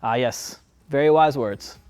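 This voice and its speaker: A man's voice: medium pitch, a little slow, darkish tone, clean tone, faint music behind, close to an everyday voice. A man playing King Solomon as a laid-back, chatty guest on a talk-show skit. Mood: earnest. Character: King Solomon, adult male king, friendly and casual.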